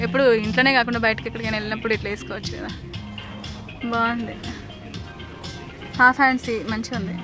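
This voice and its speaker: A young mother, chatting to camera and coaxing and fussing over her small son. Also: a little high. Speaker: mother vlogging a family outing. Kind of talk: casual family vlog. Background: background music.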